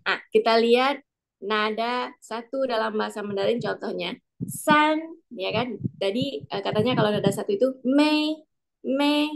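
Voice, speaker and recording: A woman teaching a class, patient and repeating each example slowly. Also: on the high side, creaky. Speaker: language teacher. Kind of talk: online class instruction.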